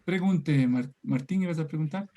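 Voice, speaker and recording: A man's voice: a little high, normal speed, mellow, slight background noise. A man with an Ecuadorian Spanish accent teaching a religion class over a video call, speaking conversationally and often checking in with his students. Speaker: catechism teacher.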